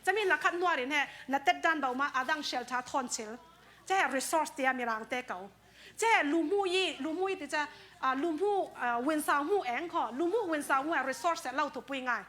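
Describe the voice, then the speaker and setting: A woman's voice: high-pitched, expressive, brisk, pushed and bright. A woman preaching a sermon in a conversational way, dropping in English words now and then.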